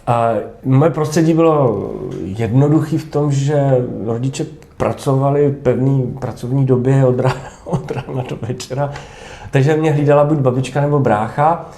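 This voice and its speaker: A man's voice: medium pitch, dark tone. A man in his thirties, an actor answering interview questions thoughtfully with hesitations and restarts. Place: theatre backstage room. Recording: echoey room.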